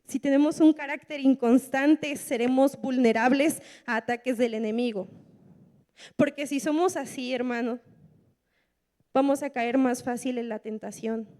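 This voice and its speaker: A woman delivers a sermon in a church. Her voice sits high, and she talks in a lively way, putting on the voices of people making excuses. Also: unhurried. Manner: animated, acts out excuses of churchgoers in quoted voices. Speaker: preacher. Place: church meeting room.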